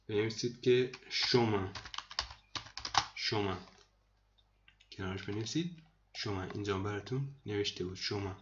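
Guy teaching vocab online, repeats stuff slowly, kinda dull lo-fi sound, keyboard clicks behind. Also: on the low side, slight background noise. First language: Persian. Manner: repeats words slowly, addresses students as kids. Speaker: language teacher. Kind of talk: vocabulary lesson.

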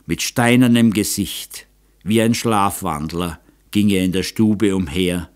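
A man reading an audiobook in a measured, dramatic way. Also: low-pitched. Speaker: audiobook narrator. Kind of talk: scripted narration.

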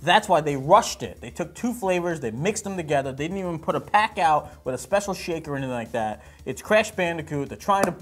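A man's voice: fairly high pitch, animated, brisk, hardly any pauses, faint music behind. A man hosting a casual unboxing chat with his wife, joking and rambling with self-deprecating humor. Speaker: host.

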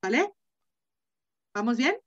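A middle-aged woman with a Mexican Spanish accent teaches Latin online, her fairly high voice very animated but slow. She's chatty, uses lots of fillers and often asks her students questions. The audio is dull, lo-fi video call sound.

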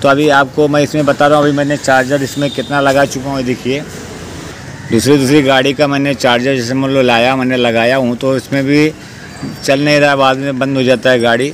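A male mechanic talks through a hands-on repair in a steady, even voice with little rise and fall. He explains things plainly and keeps circling back with fillers. It was recorded outdoors on a camera mic, with clear street and traffic noise behind him. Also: mid-range voice, a little fast. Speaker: motorcycle mechanic.

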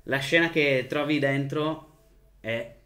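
A man narrating a tabletop role-playing game as game master, describing scenes in a measured, storytelling way. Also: a little high, fairly bright tone.

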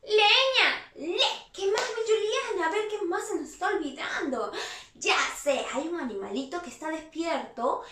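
Sing-song high-voiced woman teacher. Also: noisy background. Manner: sing-song, animated, drawn-out answers. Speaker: preschool teacher. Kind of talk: online lesson for young children. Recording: roomy sound from a distance.

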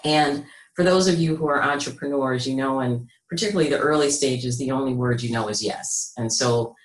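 On a video call, a middle-aged American woman who works as a business consultant talks about her job as an interview guest, measured and conversational. Her voice is rich, deep and low. She's in a small indoor room at home or an office, and the computer mic gives a roomy, echoey sound.

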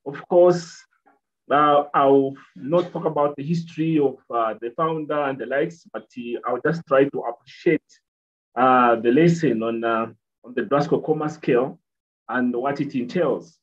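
A middle-aged man, a nurse giving a measured lecture over a video call, repeating points and pausing with many fillers. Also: medium pitch. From Zambia. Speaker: nurse presenter. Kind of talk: explanatory lecture. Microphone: webcam on a video call. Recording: dull video-call audio.

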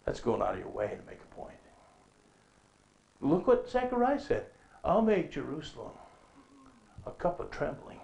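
A middle-aged man preaches at a conference lectern in a fairly high, darkish voice with vocal fry, wildly swooping pitch and long pauses at normal speed. He's emphatic, full of rhetorical questions, rising when quoting scripture, in an echoey hall.

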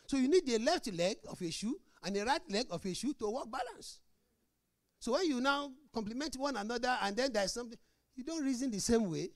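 A man's voice: very high-pitched, fairly quick, dry recording, studio quality. A middle-aged man, a pastor preaching a marriage sermon who tells stories and acts out both sides of conversations. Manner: animated storytelling, acts out both sides of dialogues.

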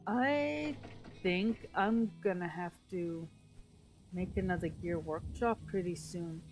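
Slowly and in a lowish, slightly mellow voice, a woman streams her gameplay and comments casually on it, though her voice is giving out. She thinks aloud and keeps restarting her sentences, over soft background music in a low-quality recording.

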